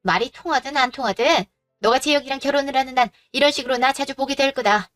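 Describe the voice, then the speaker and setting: A woman's voice: high-pitched, quick pace, fairly bright tone, faint music behind, voice pushed up. A woman voicing a greedy, domineering middle-aged mother-in-law who scolds and makes demands, in a drama. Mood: demanding. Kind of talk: Korean audio drama acting.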